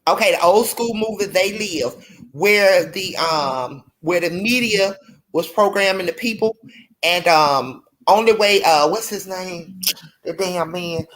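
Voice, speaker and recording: A woman's voice: on the low side, measured pace, a bit bright, low-quality recording. A woman hosting a casual livestream, rambling and speaking straight to her viewers. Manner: rambling, addresses viewers as y'all. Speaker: livestream host.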